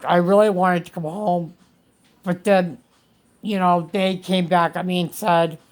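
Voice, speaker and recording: A woman's voice: steady tone, a little slow, darkish tone, poor audio. A woman vlogging at home, telling a rambling personal story with many restarts and repeated words. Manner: rambling, repeats words, acts out quotes in a higher voice. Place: her home.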